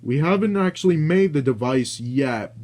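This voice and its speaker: Pushy greedy money guy done by a man, higher and louder, kinda mellow tone. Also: lively intonation, moderate pace, lightly acted. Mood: eager. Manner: louder, higher, eager delivery. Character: greedy, eager male businessman.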